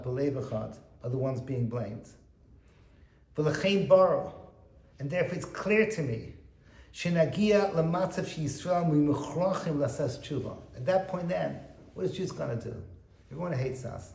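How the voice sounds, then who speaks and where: A man giving an animated Torah lecture as a rabbi, quoting Hebrew texts and translating them. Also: on the high side, roomy sound, poor audio. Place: private home.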